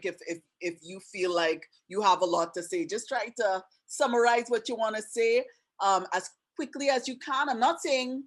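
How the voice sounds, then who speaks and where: Trini-canadian lady running a zoom webinar, chatty, lots of "right?" asides, computer mic sound. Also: mid-range voice. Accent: Trinidadian with a Canadian tinge. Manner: chatty, friendly, explains with many asides and 'right?' tags. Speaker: webinar host and teacher. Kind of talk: casual online webinar presentation.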